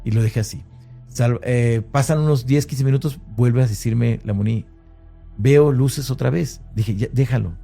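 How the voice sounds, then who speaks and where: Soft-toned man recounting a strange night. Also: medium pitch, steady tone, vocal fry, faint music behind. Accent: Mexican Spanish. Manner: hesitant, with many restarts and fillers, slowing at tense moments. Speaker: interviewee recounting an encounter. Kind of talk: conversational first-person account.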